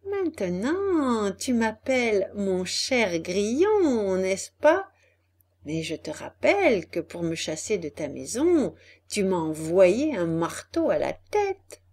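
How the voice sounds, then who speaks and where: A woman voicing a small, wise male cricket who speaks in a calm, measured, lecturing way in a storybook reading. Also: mid-range voice, full character voice. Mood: stern.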